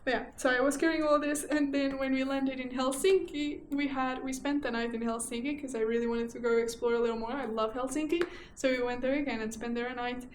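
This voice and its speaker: A young woman from Portugal with a Portuguese accent talks in a bright, high register. She chats casually and animatedly, often doubling her phrases. The room around her is echoey, with faint ambient noise behind. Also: brisk, hardly any pauses. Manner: chatty and animated, repeats herself for emphasis. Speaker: book vlogger. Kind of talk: casual chat.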